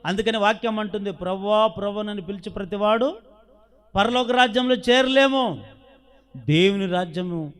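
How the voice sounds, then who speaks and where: High-voiced Telugu-accented man preaching. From India. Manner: preaching with rhetorical questions, acting out quoted dialogue. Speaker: pastor. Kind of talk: sermon.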